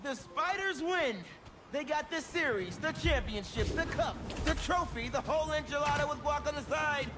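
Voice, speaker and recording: A man's voice: extremely high pitch, expressive, normal speed, background noise. An actor playing a quippy young male superhero in a video game, sarcastic and upbeat. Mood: hyped. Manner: wisecracking, sarcastic.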